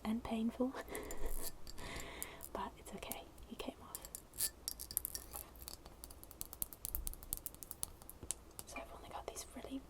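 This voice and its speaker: An ASMR creator sits at a wooden table indoors, chatting casually and a bit hesitantly to viewers in a very soft, breathy near-whisper. Her voice is on the high side with fairly even intonation and a moderate pace. Clicky sounds of fingernails tapping and scratching a glass bottle sit over her close-miked voice.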